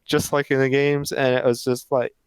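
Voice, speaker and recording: A man chats through a film review as podcast co-host, his voice smooth and clear at an ordinary pitch. The sound is dry and close to the mic, and he talks in an animated, opinionated way. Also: normal speed, dry recording, rough recording. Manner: animated and opinionated, laughs often. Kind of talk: casual film review chat.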